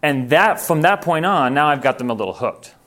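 A man's voice: a little high, expressive, fairly quick, a bit bright. A man who grew up in Thailand, giving an earnest, informal training talk to missionaries and correcting himself as he goes.

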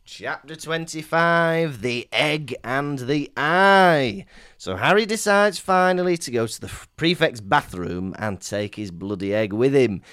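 Jokey podcast host man, animated pitch. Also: a little slow, smooth, no room sound, studio quality. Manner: swears casually, jokey, drops fillers. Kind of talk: comic podcast banter and chapter recap.

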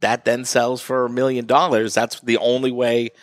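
A man's voice: mid-range voice, level tone, normal speed, no room sound, clean studio sound. A man as the guest in a casual interview, explaining at length and acting out what buyers say. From northeastern Massachusetts. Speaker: real estate guest.

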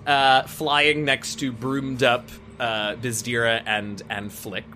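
A man's voice: medium pitch, level tone, takes it slowly, bright, forceful tone, slight background noise. A man speaking as game master, casually improvising narration and bantering with players. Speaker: game master of a tabletop role-playing game.

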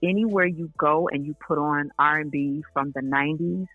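A woman's voice: low voice, fairly even intonation, moderate pace, dry recording, soft background music. A woman singer speaking as an interview guest, earnest and enthusiastic. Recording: tinny phone line.

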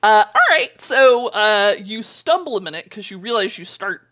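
A woman narrating a tabletop game as game master, chatty and animated, with playful asides. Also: mid-range voice, moderate pace.

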